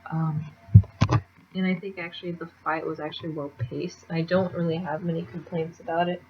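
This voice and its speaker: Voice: mid-range voice, flat delivery, moderate pace, muffled recording, heavy background noise. A speaker casually recapping a comic chapter in a rambling way, with lots of fillers and restarts. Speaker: manga chapter reviewer.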